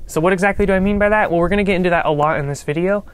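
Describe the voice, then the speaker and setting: A young man, nasal from a cold, hosts a casual coding tutorial talking to camera with upbeat chatter and joking asides. His high, clear, resonant voice races along.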